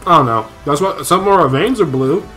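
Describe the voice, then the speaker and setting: A man's voice: fairly high pitch, animated, fairly quick, fairly bright tone, soft background music. A man co-hosting a let's play, joking casually while reading the credits aloud. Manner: joking, reads credit names aloud with asides and laughs. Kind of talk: casual gaming commentary.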